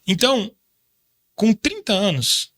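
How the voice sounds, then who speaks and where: A man's voice: high-pitched, huge pitch swings, slow pace, a bit bright, dry recording. A man in his thirties from Brazil, a guest in a casual interview, talking in a reflective, faith-driven way with frequent restarts. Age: 30s. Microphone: studio microphone.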